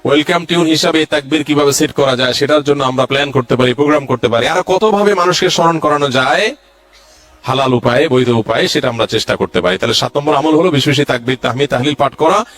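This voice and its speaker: A man's voice: fairly high pitch, fast talker, fairly bright tone. A male Islamic preacher giving a religious lecture, going through numbered points and reciting Arabic verses.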